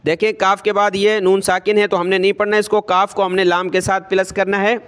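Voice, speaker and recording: High, smooth-voiced man teaching Quran recitation. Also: flat delivery, fairly bright tone. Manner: spells out letters and vowel marks, then recites slowly; slow drawn-out chanting of verses.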